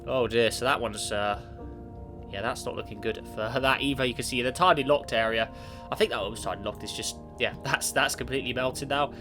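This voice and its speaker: Playing a space simulation game, a gaming YouTuber who has a cold and keeps sniffling talks a little fast at medium pitch. His casual commentary wanders, with self-corrections and remarks aimed at the game, set against clear background music.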